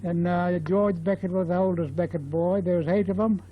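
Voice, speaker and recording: Old Australian man, nineties, high-pitched voice, rambling repetitive storyteller, dull lo-fi interview tape. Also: steady tone, moderate pace. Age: 90s. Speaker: interviewee, former bush labourer. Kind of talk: casual oral history reminiscence.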